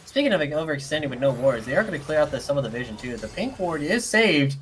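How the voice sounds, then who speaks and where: A man casting a live esports match as play-by-play commentator, excitable and jokey with rambling asides. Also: fairly high pitch, fast, soft background music. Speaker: esports caster.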